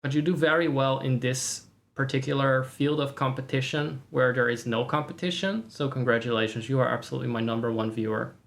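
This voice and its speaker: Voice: mid-range voice, steady tone, brisk, creaky. A livestream host chatting casually to viewers in a sarcastic, mock-boastful way, swearing freely. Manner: profane. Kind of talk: casual chat to stream viewers.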